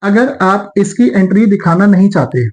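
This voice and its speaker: A man teaching accountancy in a classroom lecture, explaining step by step, mixing English terms into Hindi in an Indian accent and slowing down to dictate entries. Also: high voice, lively intonation, a little mellow, poor audio. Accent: Indian English terms mixed into Hindi.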